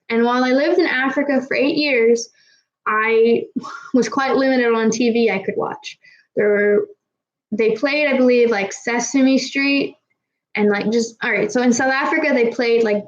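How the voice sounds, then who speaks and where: In dull audio, a young woman from Kazakhstan with a voice on the high side chats casually with her live audience while slightly tipsy. She rambles, curses freely and has difficulty with R sounds.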